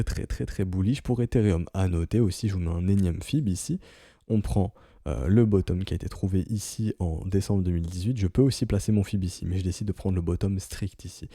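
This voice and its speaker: Deep, dark-voiced man analyzing charts. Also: dry recording, clean studio sound. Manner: explanatory, peppered with "ok?" and "hein". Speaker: crypto market analyst. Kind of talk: casual chart analysis commentary.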